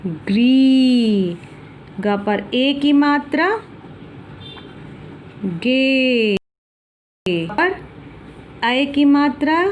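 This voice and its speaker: A woman teacher giving a slow, deliberate alphabet lesson for children, drawing out each syllable for them to repeat. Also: high voice, slight background noise.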